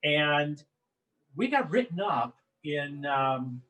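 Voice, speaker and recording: A man's voice: fairly high pitch, very animated, takes it slowly, pushed and bright, poor audio. A man talking as a wine book author, enthusiastic and prone to repeating words as he starts sentences. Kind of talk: promotional chat.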